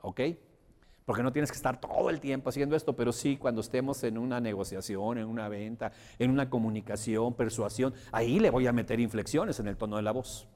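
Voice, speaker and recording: A man lectures an audience in a seminar, his voice rising and dipping theatrically as he makes his points. He keeps checking in with the listeners through questions. The sound carries the long reverb of a large hall. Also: a little fast. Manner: lively, theatrical pitch swings, demonstrating voice inflection. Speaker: communication trainer.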